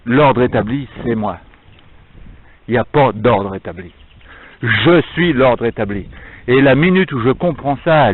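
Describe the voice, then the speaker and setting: Man declaiming in an echoing stone arcade. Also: mid-range voice. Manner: emphatic, declamatory, with repeated phrases. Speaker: vlogger filming himself on a visit. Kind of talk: improvised spoken monologue to viewers. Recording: echoing stone arcade, dull narrow sound.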